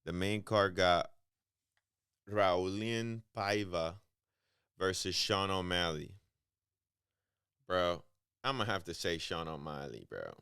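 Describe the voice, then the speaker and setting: A man with a low, smooth voice hosts a casual podcast on his own. He rambles, swears freely and fills the gaps with ums and bro. The sound is dry and close, with no room around him. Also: slow pace, long pauses, a bit bright, no room sound. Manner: profane, rambling, calls listeners bro; loose, hesitant delivery with many ums. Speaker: podcast host.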